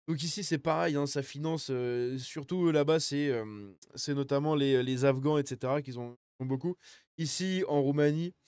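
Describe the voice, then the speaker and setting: A man's voice: fairly high pitch, normal speed, a little mellow, clear, resonant tone, no echo, clean studio sound. A man giving casual commentary on images he is showing, in crude slang with many fillers and joking asides. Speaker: video commentator.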